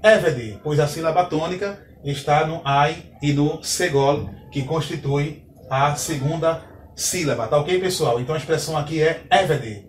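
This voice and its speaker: A male Hebrew teacher with a voice on the high side speaks at normal speed, patiently explaining at the whiteboard and frequently asking "tá ok, pessoal?" to check in. The recording is echoey, distant, with faint ambience and slight background noise.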